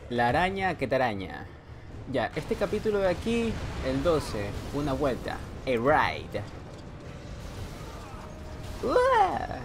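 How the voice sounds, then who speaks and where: A man giving joking running commentary while playing a horror game. He teases the character on screen and now and then lets out a sudden yell. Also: medium pitch, sing-song, a little slow, noisy background. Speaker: gameplay commentator. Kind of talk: let's play commentary.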